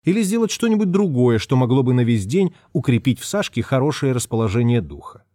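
A man narrating a story in an expressive, dramatic reading. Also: medium pitch, a little fast, dry recording, studio quality.

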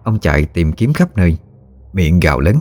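A man narrating a horror story in a measured, somber storytelling manner. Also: deep voice, lively intonation, darkish tone.

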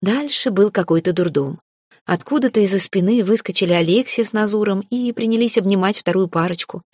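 Husky-voiced woman narrating an audiobook. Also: medium pitch, a little fast, no room sound. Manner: lively, expressive, wry storytelling. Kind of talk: first-person fantasy audiobook reading. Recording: dry close recording.

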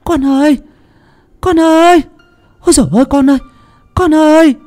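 A man's voice: very high-pitched, animated, normal speed, pitched above the performer's own voice. A man voicing a frantic middle-aged village mother, calling out shrilly and desperately.

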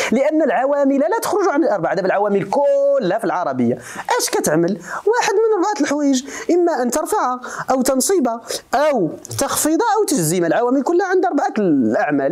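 A Moroccan man lectures a class at a quick clip. He quizzes his students and drills each point again, and his pitch rises and falls a great deal. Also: darkish tone. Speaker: religious scholar teaching grammar.

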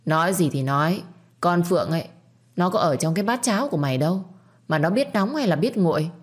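A woman's voice: fairly low pitch, animated, a little fast, slightly rough. A woman voicing a stern, commanding mistress of a household who lectures and orders servants about. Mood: lecturing. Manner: stern, bossy.

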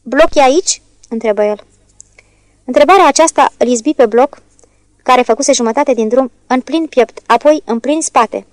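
A woman narrates a classic novel for an audiobook, steady and measured. Her voice sits high, and the recording is close and dry. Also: no echo. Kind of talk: scripted narration.

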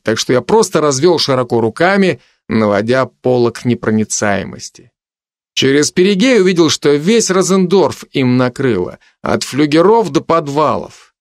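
A man narrating a first-person fantasy audiobook in a measured way, turning stern for commands. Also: medium pitch, big pitch swings, no echo, studio quality.

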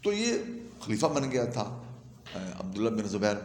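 A man giving a lecture on Arabic grammar, telling an anecdote in a lively way and reciting Arabic phrases before explaining them. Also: lowish voice. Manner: animated storyteller who recites Arabic phrases and then glosses them. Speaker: religious teacher. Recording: echoey hall with long reverb.

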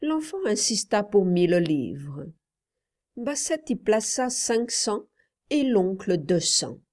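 Brief: female audiobook narrator, calm, unhurried, mid-pitched. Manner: calm, deliberate reading. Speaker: audiobook reader. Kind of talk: scripted narration.

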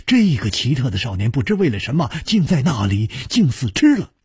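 Expressive, husky male storyteller. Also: mid-range voice, a little fast, dry recording, clean studio sound. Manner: expressive, dramatic narration. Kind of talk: Chinese storytelling broadcast.

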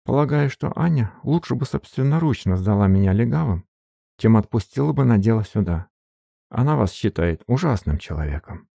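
A man's voice: medium pitch, lively intonation, normal speed, gravelly, dark tone, no echo, studio quality, pitched above the performer's own voice. A man reading a cold, defiant young woman in an audiobook, with clipped lines raised above his own voice.

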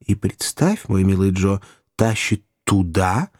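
A man voicing a calm, learned male doctor who speaks in a soothing, reassuring way. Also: low-pitched, takes it slowly, no echo, clean studio sound, exaggerated voice.

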